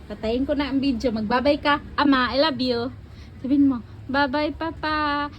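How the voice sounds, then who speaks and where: A woman's voice: sits high, steady tone, brisk, lo-fi sound, slight background noise. A mother at home filming her small child on a phone, coaxing, apologizing and soothing in a laughing way while mixing Tagalog and English. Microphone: phone camera.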